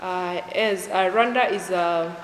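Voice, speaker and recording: A woman's voice: fairly low pitch, slow, background noise. A young woman from Kenya, chatting casually in an interview, with lots of fillers. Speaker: YouTuber guest. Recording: echoey room with long reverb.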